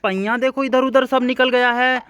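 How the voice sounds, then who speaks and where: A woman's voice: sits high, steady tone, normal speed, a bit bright, a little hiss or hum. Coaxing woman narrating toy play. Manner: coaxing, exclaiming to viewers.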